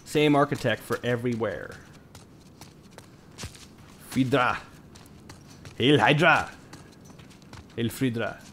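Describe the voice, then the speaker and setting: A man's voice: mid-range voice, slight background noise. A young man doing casual gameplay commentary, rambling to himself with crude jokes. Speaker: game streamer. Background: game music and sound.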